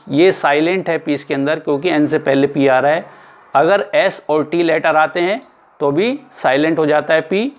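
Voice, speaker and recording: A male teacher giving an explanatory lesson, spelling words out letter by letter and repeating them slowly. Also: a little high. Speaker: English teacher.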